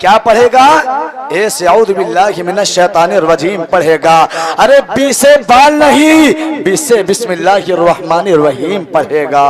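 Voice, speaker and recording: A man with a very high voice delivers a sermon to a gathered audience. He speaks at a slow, drawn-out pace and keeps asking the listeners questions, then rises into shouted emphasis. The murmur of a live crowd sits clearly behind him. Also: lively intonation. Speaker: preacher.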